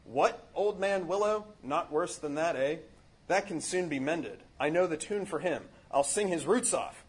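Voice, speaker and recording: A man's voice: on the high side, lively intonation, measured pace, slightly rough. A man reading aloud in the voice of a cheerful, carefree old male forest dweller who speaks lightly. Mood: breezy. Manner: light, breezy.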